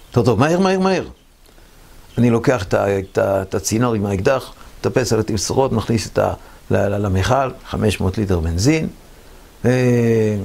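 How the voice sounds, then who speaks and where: Speaking in an interview, a man in his seventies from Israel shares wartime memories in a low, rough, gravelly, darkish voice. His telling is vivid, and he mimics the people he quotes.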